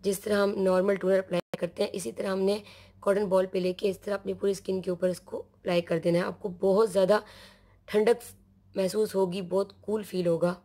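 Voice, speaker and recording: A woman whose voice is hoarse from a sore throat walks through a homemade skincare recipe. Her tone is mellow and low in brightness, and she talks calmly, step by step. At times her strained voice drops into a half-whisper. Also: fairly quick. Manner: calm, step-by-step instruction, sometimes half-whispered. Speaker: skincare channel host. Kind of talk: home remedy tutorial.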